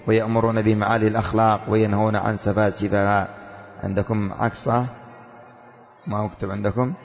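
A man teaching a religious creed text to students, reading passages slowly and then explaining them, asking rhetorical questions and answering them himself. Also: fairly low pitch, little pitch movement, gravelly, faint music behind. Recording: lo-fi with long reverb in a hall.

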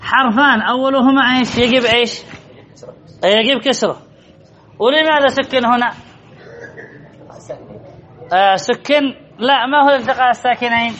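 High-voiced man quizzing a grammar class. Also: normal speed, long pauses, fairly bright tone, highs cut off. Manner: quizzing, repeats key phrases. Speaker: Arabic grammar teacher. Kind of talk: classroom lesson with questions to students.

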